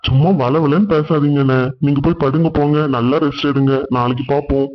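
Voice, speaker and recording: A man doing a gentle, devout cartoon father. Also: on the high side, brisk, lightly acted. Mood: kind. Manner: calm, reassuring. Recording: dull lo-fi sound.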